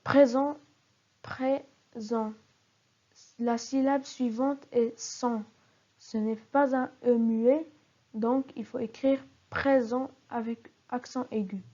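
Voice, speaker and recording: A woman's voice: fairly high pitch, steady tone, slow, dark tone. A woman teaching a recorded spelling lesson, carefully spelling out example words syllable by syllable. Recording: dull lo-fi recording.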